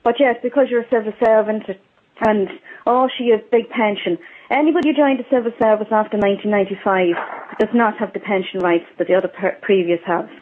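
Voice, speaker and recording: A woman's voice: medium pitch, steady tone, brisk. A woman with an Irish accent calling a radio phone-in to air a grievance. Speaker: phone-in caller, civil servant. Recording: tinny phone line on radio.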